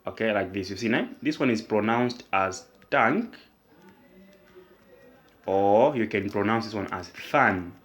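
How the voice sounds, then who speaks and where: A man tutoring math, explaining step by step and asking himself questions that he then answers. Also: on the low side. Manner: asks and answers his own questions; slow, repetitive, deliberate explanation. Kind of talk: whiteboard math lesson.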